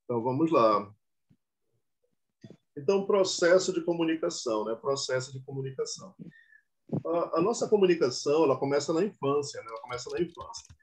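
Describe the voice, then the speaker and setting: Brazilian male teacher, online class, repetitive, checks in with students often. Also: fairly high pitch. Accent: Brazilian Portuguese.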